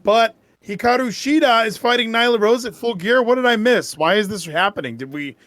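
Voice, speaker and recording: A male co-host vents in an exasperated, swearing rant. His voice sits fairly high. The sound is dry and close to the mic. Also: brisk, fairly bright tone, no echo. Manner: exasperated, profane ranting. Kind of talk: casual live-stream commentary.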